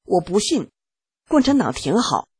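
A woman reading as a gruff, brusque man. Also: high-pitched, big pitch swings, unhurried, exaggerated voice. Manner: loud, brusque retorts. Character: gruff sunburnt man, hostile then softening.

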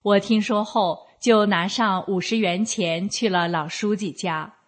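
A woman giving a scripted reading of a first-person account in a slow, even, measured way. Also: medium pitch.

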